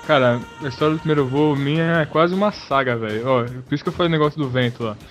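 A man telling a story in casual chat, lively and slangy, laughing along as he goes. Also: a little high, fast talker, soft background music. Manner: lively, slangy, laughs through his stories. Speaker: podcast guest, student pilot.

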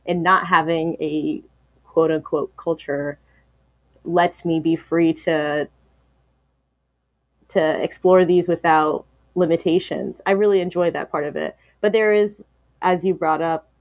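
A woman's voice: sits low, fairly even intonation, measured pace, no room sound, studio quality. A woman speaking as an interview guest, talking candidly and reflectively, with many fillers and restarts.

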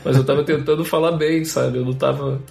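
A Brazilian man speaking Portuguese as a podcast guest, chatting casually in a relaxed, rambling way and often correcting himself mid-sentence. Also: medium pitch, a little fast, creaky, faint music behind. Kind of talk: casual interview chat.

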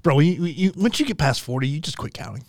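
Male podcast co-host, 40s, higher voice, dry mic, buddy-style sports banter. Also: quick pace, no echo. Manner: animated, chummy, repeats himself. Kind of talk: casual sports chat.

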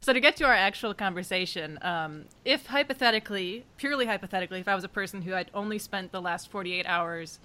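A woman's voice: medium pitch, fast talker, hardly any pauses, sharp tone. A woman hosting a podcast, asking questions in a wry, conversational way. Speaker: podcast host.

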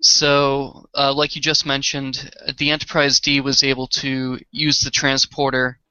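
A man with a Boston accent co-hosting a podcast, explaining things in a slow, halting way with many fillers. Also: mid-range voice, completely flat delivery, pushed and bright, clean tone, dry recording, highs cut off. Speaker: podcast co-host. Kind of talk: casual chat.

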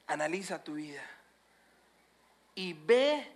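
A preacher retelling a Bible story, swinging between loud emphatic bursts and hushed endings. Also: medium pitch, sing-song, slow pace, vocal fry. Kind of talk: storytelling sermon.

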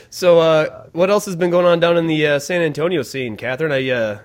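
Joking man hosting a podcast. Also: fairly high pitch. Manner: joking, laughs often, stammers. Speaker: podcast host. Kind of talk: casual chat.

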